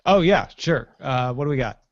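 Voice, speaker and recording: A man hosting a podcast, chatting in a relaxed, joking, friendly way after the show. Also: medium pitch, moderate pace, no room sound, dull audio. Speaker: podcast host. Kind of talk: casual after-show chat.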